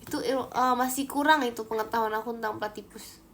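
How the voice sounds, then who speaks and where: A woman's voice: a little high, steady tone, fast, fairly bright tone, slight background noise. A young Indonesian woman hosting a casual livestream, chatting and giggling as she reads viewer comments. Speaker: idol livestream host.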